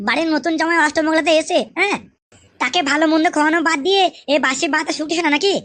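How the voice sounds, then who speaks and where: A woman's voice: extremely high pitch, fast, fairly bright tone, no echo. Woman doing a crude, hot-headed young son-in-law. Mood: indignant. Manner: crude, swearing, indignant. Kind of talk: comic cartoon voice acting.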